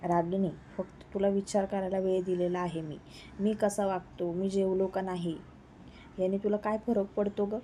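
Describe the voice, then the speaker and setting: A woman voicing a lovesick young man who talks in a quieter, sulky tone, in a spoken romance story. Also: medium pitch, flat delivery, normal speed, slight background noise, close to an everyday voice.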